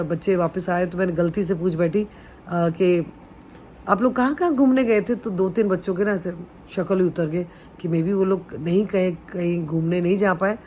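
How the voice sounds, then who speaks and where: A woman's voice: lowish voice, a little mellow, a little hiss or hum, poor audio. A woman who teaches dance at a school tells teaching stories and gives earnest, encouraging advice to fellow teachers, mixing English phrases into her talk. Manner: mixes Hindi with English phrases.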